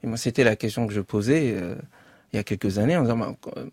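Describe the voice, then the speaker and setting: Recorded near the microphone with no echo, this fairly low, slightly mellow male voice has a breathy edge. He's an author being interviewed, a native French speaker who reasons aloud at a measured pace, often restarting and using fillers.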